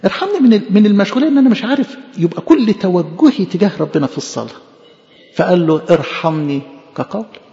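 Fast, gravelly Egyptian preacher in a hall. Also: male voice, high voice, lively intonation, warm tone. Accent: Egyptian Arabic. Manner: impassioned, pleading, repeating phrases for emphasis. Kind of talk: sermon. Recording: echoey hall, dull lo-fi sound.

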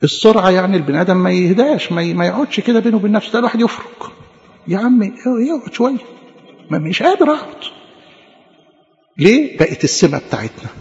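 An Egyptian man preaches a sermon in a high, gravelly voice at a quick clip, acting out little back-and-forth exchanges and hammering words by repeating them. The sound is dull and lo-fi, carrying the long echo of a church hall. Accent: Egyptian Arabic. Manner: animated, acts out quick imagined dialogues, repeats words for emphasis. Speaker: priest.

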